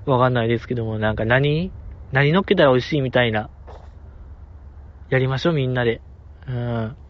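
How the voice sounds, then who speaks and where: A man's voice: mid-range voice, fairly quick. A man hosting a podcast in casual chat, joking and playful. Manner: animated, joking, playful put-on voices in quoted asides. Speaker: podcast host. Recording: dry, dull lo-fi podcast audio.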